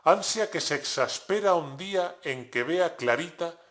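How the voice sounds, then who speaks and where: A man reading a novel aloud slowly and deliberately, acting out the dialogue. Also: a little high, lively intonation, fairly bright tone. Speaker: narrator. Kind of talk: dramatic literary reading.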